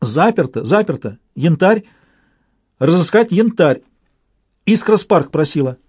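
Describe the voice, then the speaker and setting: A man puts on an uncanny little talking bird in an audiobook story, squeaking its words high and thin. It chirps short words and repeats them again and again. The voice has a husky edge. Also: animated, unhurried, darkish tone, no room sound, studio quality. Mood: eerie chirping. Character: eerie tiny talking bird, squeaky, repetitive.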